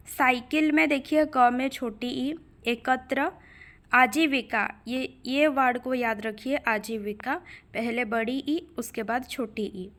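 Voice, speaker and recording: A woman's voice: fairly high pitch, fairly bright tone. A woman teaching Hindi spelling, dictating words and spelling them out letter by letter. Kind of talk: spelling lesson.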